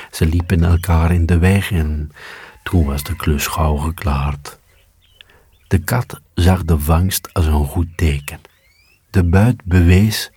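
A man narrating a storybook in a calm, measured storytelling manner. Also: deep voice, husky. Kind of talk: storybook reading.

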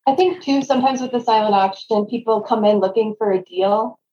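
Female podcast guest, conversational, soft-edged mellow tone, lightly high pitch, roomy lo-fi sound. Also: fairly quick, a little hiss or hum. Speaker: podcast guest, nonprofit fundraising consultant. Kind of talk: conversational interview. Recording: roomy, slightly dull lo-fi sound.

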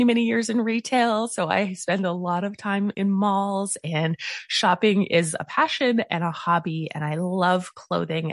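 A woman's voice: fairly low pitch, dry recording, studio quality. A woman hosting a solo podcast in a casual, chatty way, gushing with enthusiasm. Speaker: podcast host.

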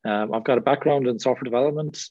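A middle-aged man from Ireland, medium-pitched and fast-talking, answers questions as a guest trainer in a webinar Q&A. He's discursive and full of fillers, and the recording has no echo but a dull, lo-fi sound.

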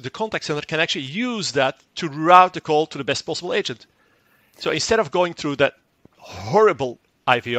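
In an interview, a man from a tech company, Dutch by first language, walks through a technical product. He sounds bright, forward and a little high, recorded close and dry with no room sound. Though fluent, he repeats words and plays out brief exchanges.

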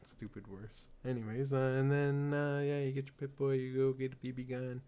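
A man's voice: mid-range voice, level tone, normal speed, dark tone, clear, resonant tone. A young man hosting a casual gaming chat, rambling, laughing often and swearing casually. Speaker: gaming podcast host.

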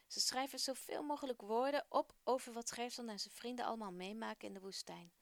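A woman hosts a children's radio show and reads a family story aloud in a clear, warm storytelling manner. Her voice sits fairly high and sounds close and dry, with no room around it. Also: no room sound. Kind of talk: scripted story narration for children.

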